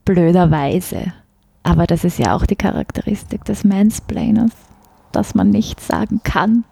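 A woman with a Viennese accent chats as an interview guest, laughing often and searching for her words. Her voice sits a little low and mellow and moves at an unhurried pace. The sound is dry and close. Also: big pitch swings, creaky, husky, no room sound. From Austria. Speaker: guest, cabaret artist. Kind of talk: casual interview chat.

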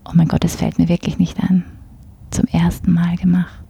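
Laughing Viennese woman, low mellow voice. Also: moderate pace, creaky, breathy edge, dry recording. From Austria. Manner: lively, laughs often, searches for words. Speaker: guest, cabaret artist. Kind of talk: casual interview chat.

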